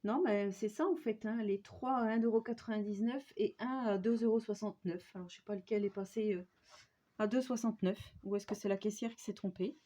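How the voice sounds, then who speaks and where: A woman with a Franche-Comté accent talks through a casual crafting haul vlog. Her tone is mellow and warm, and her talk is chatty and full of small fillers and tag words. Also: medium pitch, a little fast. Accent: Franche-Comté French. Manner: chatty, with frequent "euh" and "hein" tags. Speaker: crafting YouTuber.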